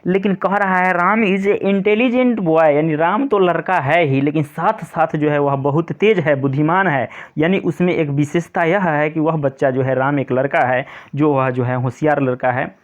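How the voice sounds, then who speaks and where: A male teacher explaining an English grammar lesson to pupils, patient and repetitive. He reads the English example sentences slowly, word by word. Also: a little high, muffled recording. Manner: repetitive, patient, keeps saying "pay attention".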